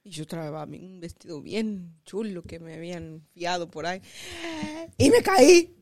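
Casual co-host, woman from Mexico, animated and probing, high, dry close mic. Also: a little slow, no room sound. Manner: lively, probing questions, code-switches briefly into English. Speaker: podcast co-host. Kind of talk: casual family chat.

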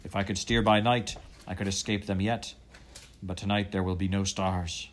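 A man voicing a fierce, proud sea captain who speaks in a loud, declamatory way. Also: low-pitched, steady tone, moderate pace, slight background noise, close to an everyday voice. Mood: pleading.

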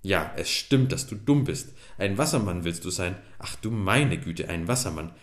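A man's voice: deep voice, animated, moderate pace. Man doing a grumpy scornful tall man. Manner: gruff and scolding. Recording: echoey room.

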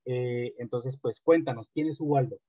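A man hosting a casual interview podcast, relaxed and hesitant, with frequent fillers. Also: medium pitch, moderate pace, slight background noise. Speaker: podcast host. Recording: dry, tinny phone-like line.

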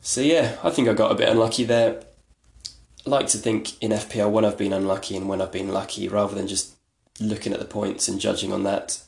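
Male podcast host, low gravelly voice, flat delivery, rambling and self-deprecating, echoey room. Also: fairly quick. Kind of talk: casual solo podcast talk.

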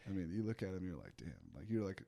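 A young man speaks with a slightly low voice. He tells his story in a relaxed way, with plenty of casual fillers. He laughs often as he talks. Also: fast, vocal fry. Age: young adult. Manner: laid-back, laughs often, filler-heavy. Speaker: guest, pitcher.

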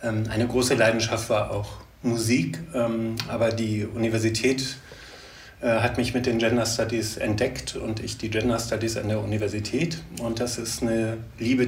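A man from Germany, a researcher as interview guest, answering in a measured way with many fillers. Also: mid-range voice. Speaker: guest, gender studies researcher. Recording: echoey room, distant mic, faint noise.

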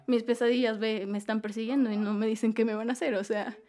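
A young woman with a Mexican accent chats casually, full of slang and easy laughter. Her voice sits a little higher than most. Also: fast. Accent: Mexican Spanish. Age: young adult. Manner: slangy, laughs often, animated storytelling. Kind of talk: casual chat.

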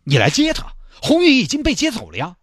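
A man's voice: very high-pitched, huge pitch swings, fast talker, fairly bright tone, slightly rough, no room sound, studio quality, voice pushed up, exaggerated voice. A man voicing a kindergarten teacher who speaks in a chirpy, soothing way. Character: sweet-mannered kindergarten teacher.

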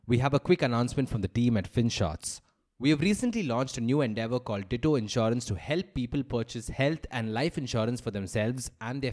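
A man hosting a daily news podcast, reading a script in a brisk, conversational, lightly playful way. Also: medium pitch, darkish tone. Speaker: podcast host.

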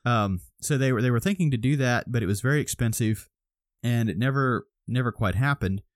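A podcast co-host, a man with a medium-pitched voice, talks briskly in casual chat, explaining a topic step by step with many restarts. He sounds a little groggy. The recording is studio quality with no room sound.

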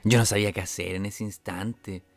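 A man's voice: on the low side, fairly even intonation, normal speed, gravelly, faint music behind. A young man with a Chilean accent, a comedian telling rambling stories of his stand-up shows, full of sound effects and restarts. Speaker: comedian host. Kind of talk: comic storytelling.

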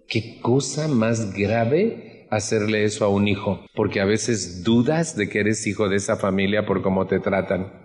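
A man's voice: fairly low pitch, a little mellow, big-room sound. A middle-aged Mexican man with a Mexican Spanish accent gives an earnest personal testimony at a support group meeting, often putting questions to the audience.

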